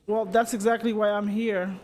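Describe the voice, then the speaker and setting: A man's voice: high-pitched, level tone, normal speed, darkish tone, close to an everyday voice. A man reading a curious young woman traveler. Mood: inquisitive. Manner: plain, inquisitive questions.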